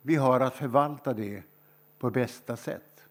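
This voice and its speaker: Reflective Swedish man preaching. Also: mid-range voice. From Sweden. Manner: slow, reflective storytelling with emphatic pauses. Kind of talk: sermon.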